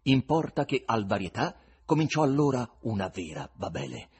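A man reading a novel aloud as an audiobook, expressive and dramatic. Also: medium pitch, normal speed, slightly rough. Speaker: reader.

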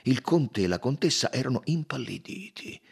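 A man narrating a novel in a dramatic, measured storytelling voice. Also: mid-range voice, expressive, vocal fry, slightly rough. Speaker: audiobook reader. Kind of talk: expressive literary narration.

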